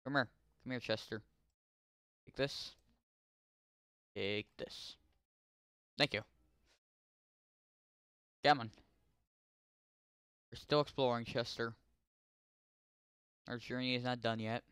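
A young man casually commenting on his gameplay, chatting to in-game characters and yelling curses when startled. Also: mid-range voice, steady tone, slow, pauses often, clear, resonant tone, no echo, clean studio sound. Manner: yells and swears when startled. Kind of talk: casual let's-play commentary.

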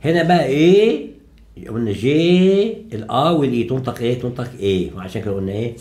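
A man with an Egyptian accent teaching French, slow and deliberate, with many drawn-out fillers. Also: mid-range voice, expressive, a little mellow, reverberant. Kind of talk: bilingual classroom lesson.

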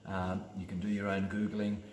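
A man's voice: low-pitched, monotone, normal speed, a little mellow, a little hiss or hum. A middle-aged man, a winemaker, leading a casual wine tasting with an enthusiastic, rambling delivery full of fillers. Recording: echoey room.

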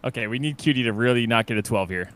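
A man's voice: medium pitch, quick pace, fairly bright tone, smooth, no echo. A man streaming an online board game with friends, joking and hyping up his dice rolls. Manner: playful hype, teasing commentary. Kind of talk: casual gaming chat.

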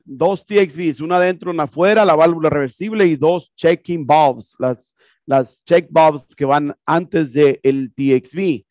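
The speaker is an HVAC instructor whose fairly high, slightly mellow voice narrates a classroom lecture on a video shown on the projector. He explains casually and repeatedly, using rhetorical questions, in a dry, studio-quality recording.

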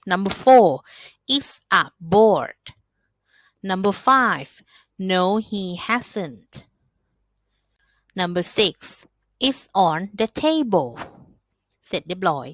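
A woman teacher explaining homework, modelling short English answers slowly and carefully with polite particles. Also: on the low side, fairly bright tone, dry recording. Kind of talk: explaining how to record homework.

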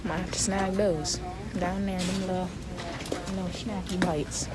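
A woman's voice: on the low side, fairly even intonation, moderate pace. Masked woman vlogging, blunt and profane. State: speaking through a face mask. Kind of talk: casual vlog chat. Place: indoors in big stores.

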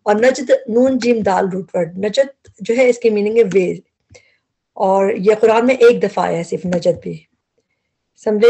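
A woman's voice: fairly high pitch, warm tone. A woman teaching a word-by-word Quran lesson, patiently explaining root words and repeating herself as she goes.

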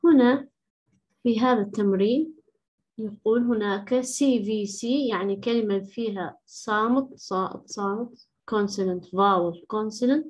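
Slow-spoken teacher, a husky-voiced woman. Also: mid-range voice, low-quality recording. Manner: switches between Arabic and English, slow deliberate spelling. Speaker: English teacher. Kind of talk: classroom lesson explaining phonics.

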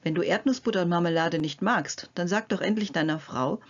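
A woman's voice: lowish voice, brisk, lo-fi sound, natural voice. A woman voicing an impatient male coworker giving blunt advice. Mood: fed up. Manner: impatient, advising.

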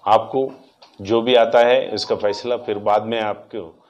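A man's voice: on the low side, fairly even intonation, measured pace, a little mellow, muffled recording. A man, a police officer giving a plain, matter-of-fact statement at a press meet. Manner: plain matter-of-fact recounting with loose grammar.

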